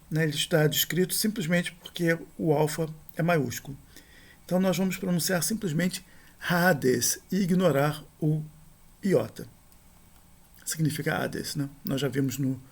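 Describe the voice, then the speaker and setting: A middle-aged man with a gravelly edge to his slightly high voice, walking students through a recorded grammar lesson. He talks patiently and explains things step by step. He repeats his points and keeps checking in with a quick "right?" tag. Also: a little mellow. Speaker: teacher.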